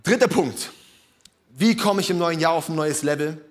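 A man's voice: on the high side, normal speed. A male preacher giving a sermon in a casual, emphatic way, often breaking in with informal asides.

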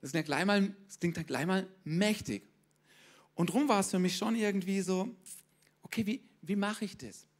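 Lively male pastor, slightly high voice. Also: moderate pace. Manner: lively, talks straight to the congregation, often asks "ja?". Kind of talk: sermon.

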